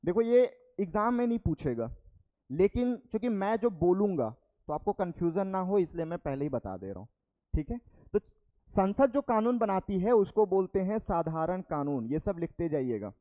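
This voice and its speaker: The recording is muffled, and the young male teacher's high voice swings widely in pitch at a moderate pace. He teaches step by step, repeating terms and confirming with the class using "ठीक है" after each point.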